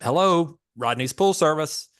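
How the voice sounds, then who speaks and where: A Southern-accented man acting out a flustered male pool owner calling about a problem, hurried and complaining. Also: fairly high pitch, expressive, a bit bright, clean tone, dry recording, clean studio sound, voice pushed up.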